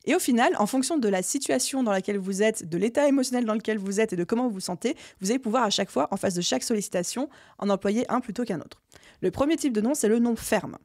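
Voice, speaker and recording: A young woman hosting a solo business podcast, explaining her methods in a clear, structured coaching way with lively emphasis. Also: on the high side, fast talker, no echo, studio quality. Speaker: podcast host. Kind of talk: solo podcast advice talk.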